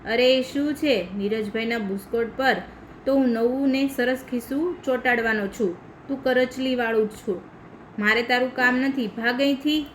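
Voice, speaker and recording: A woman playing a grumpy, dismissive man, a tailor in a children's story, with a gruff, scolding manner. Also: on the high side, normal speed, a little hiss or hum, natural voice, low-quality recording. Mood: scornful.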